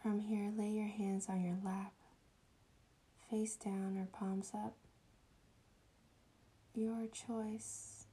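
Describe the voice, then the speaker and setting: A woman leading a guided meditation in a soft, breathy, often whispery voice, soothing and hushed like at a spa, with long pauses. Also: medium pitch, flat delivery.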